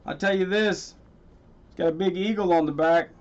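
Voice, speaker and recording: A chatty man hosts a casual coin-hunting livestream and talks to his viewers by name, getting loud and thrilled whenever something good turns up. His voice sits a little high for a man. The audio is dull and lo-fi. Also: moderate pace. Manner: chatty, gets loudly excited over finds.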